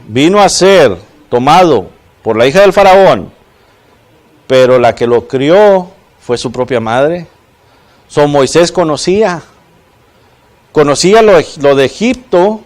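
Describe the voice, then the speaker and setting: A man's voice: on the high side, lively intonation, measured pace, pauses often, a little mellow. A man preaching a sermon, often putting questions to the congregation and adding "¿verdad?". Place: church.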